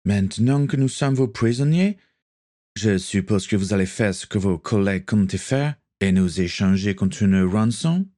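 A man's voice: on the low side, lively intonation, normal speed, dark tone, no echo, studio quality, close to an everyday voice. A man voicing a proud young English nobleman held by pirates, stiff and demanding, in a storybook reading.

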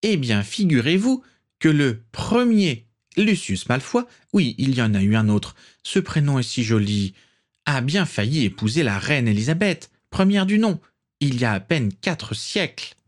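Reading an audiobook, a man takes on the role of an imperious, condescending old aristocratic witch, pitched well above his natural voice, landing at about medium pitch and speaking a little slowly. Her haughty lines swoop and climb with lively disdain.

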